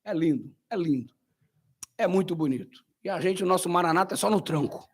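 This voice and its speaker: A Brazilian man, a pastor, preaching a sermon with animated storytelling, slang and acted-out voices. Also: sits high, brisk, breathy edge. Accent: Brazilian Portuguese.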